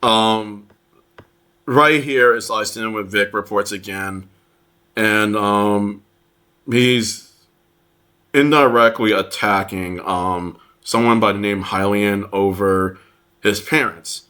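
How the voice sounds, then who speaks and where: Guy reading screenshots out loud, kinda bright tone, lots of ums and restarts. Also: fairly low pitch, smooth. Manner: halting, many fillers and restarts while reading posts aloud. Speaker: commentator reading online posts. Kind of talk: casual commentary over screenshots.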